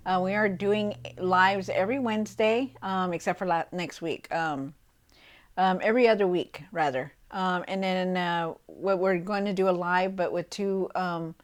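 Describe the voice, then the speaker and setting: A woman's voice: lowish voice, steady tone, moderate pace. A woman tarot reader talking casually to her viewers, with lots of fillers and asides. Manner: chatty, many fillers and asides.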